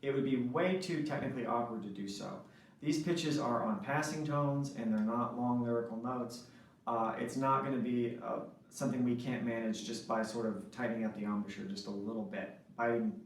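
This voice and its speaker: A man's voice: medium pitch, brisk, a little hiss or hum. Echoey saxophone teacher man explaining. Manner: explanatory, frequent "right?" checks. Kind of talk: instructional lesson. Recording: echoey room, mic at a distance.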